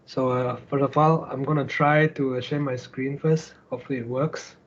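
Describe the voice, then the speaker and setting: With a mid-range voice, fairly even intonation and normal speed, this Malaysian-accented man from Kuching, Sarawak gives an informal slide presentation. He's a startup founder appearing as a guest speaker on a screen-shared video call, heard through dull, lo-fi audio.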